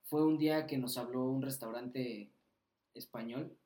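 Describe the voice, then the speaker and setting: A young man with a Mexican Spanish accent tells a long podcast anecdote, loose and slangy, swearing freely. His pitch sits mid-range for a man. The room adds a clear echo around him. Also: unhurried. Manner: slangy, swearing, animated anecdote with acted quotes. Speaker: podcast guest. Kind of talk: casual storytelling. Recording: roomy echo.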